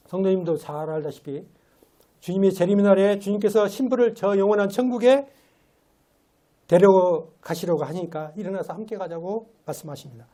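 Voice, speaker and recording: A man's voice: sits high, a little mellow. A man giving a sermon as a lay preacher in a church, talking in a conversational way and asking rhetorical questions. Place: church sanctuary.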